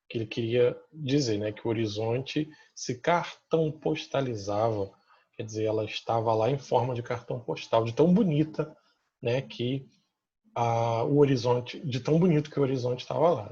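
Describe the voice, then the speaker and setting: A man with a Brazilian Portuguese accent teaches grammar, pointing out examples on the slide one by one. His voice is a little husky and sits at an ordinary pitch. The recording sounds dull and lo-fi. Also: moderate pace, darkish tone. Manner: checks in with listeners through constant tag questions. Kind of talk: remote grammar lesson explaining slides.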